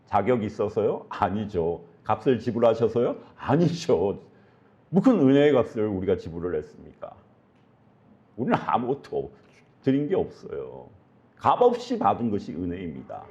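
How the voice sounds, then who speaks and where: A man's voice: on the low side, sing-song, moderate pace, darkish tone, muffled recording. A male pastor preaching earnestly, often putting questions to his congregation. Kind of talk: sermon.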